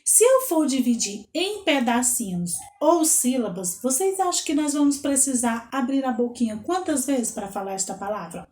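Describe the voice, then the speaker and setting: A woman with a Brazilian Portuguese accent teaching young children, slowly spelling out letters and counting aloud. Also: high voice, big pitch swings, a little mellow, echoey room. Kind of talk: children's lesson.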